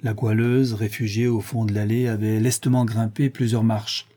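A man giving a measured, dramatic scripted narration of a classic novel as an audiobook reader. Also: on the low side, level tone, dark tone.

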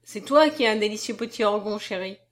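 Speaking brisk and mid-range, close to how she normally talks, a woman performs a storybook role: a confident young man courting someone. He takes turns teasing and lecturing, his lively tone split between mockery and seriousness.

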